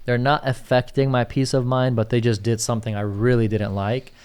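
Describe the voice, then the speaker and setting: A man's voice: medium pitch, little pitch movement, a little fast, a little mellow, clean tone. A young man co-hosting a casual podcast, talking loosely, reading out viewer questions and often asking "you get what I'm saying". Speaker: podcast co-host.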